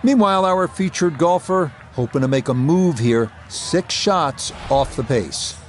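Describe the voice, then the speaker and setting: A man's voice: a little high, lively intonation, a little slow, slight background noise. A man giving golf commentary as the play-by-play anchor of a televised-style game broadcast, with a polished announcer delivery.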